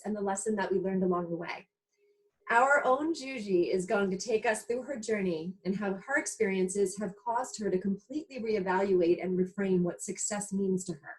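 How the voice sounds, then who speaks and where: A woman's voice: mid-range voice, low-quality recording. A woman host giving an upbeat, scripted introduction to a talk show and inviting a guest to speak.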